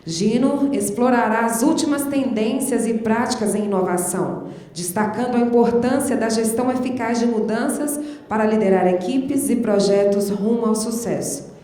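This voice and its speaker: Woman, event announcer, formal scripted read, mellow tone, long hall reverb. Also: fairly high pitch, normal speed. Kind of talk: scripted introduction. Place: large conference hall.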